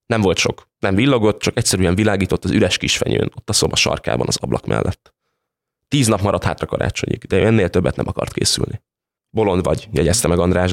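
A man with a fairly low voice reads a literary short story aloud. His telling is calm and measured, moving steadily from line to line. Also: creaky. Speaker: story reader. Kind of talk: literary reading.

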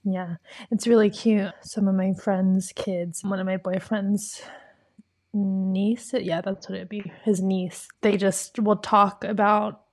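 A young woman co-hosting a casual chat with her cousin, relaxed and agreeable, laughing often. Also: medium pitch, takes it slowly. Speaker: podcast co-host.

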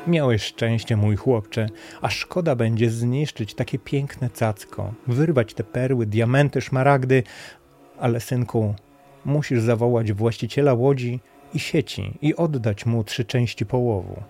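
A man voicing a caring old mother who speaks in a soothing, gentle way. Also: measured pace. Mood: comforting. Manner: soothing, higher voiced.

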